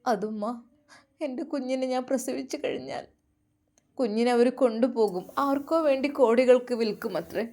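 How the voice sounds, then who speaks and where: A remorseful young wife pours out her troubles in a low, confiding voice, as a woman storyteller puts her on. The tone is soft and mellow rather than bright. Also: normal speed, close to an everyday voice.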